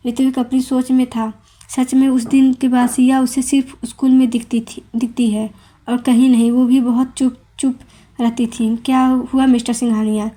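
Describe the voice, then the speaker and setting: A woman reads a serialized romance novel aloud in a steady, plain storytelling voice, tripping over the odd word. Her tone is dark and mellow, set a little high, with a flat, even melody. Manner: plain, steady read-aloud narration with small stumbles.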